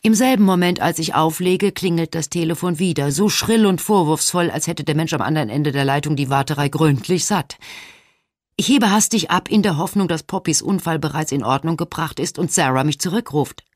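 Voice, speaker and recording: A woman reading a novel aloud in the first person as an audiobook narrator, measured and expressive. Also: sits low, dry recording, clean studio sound.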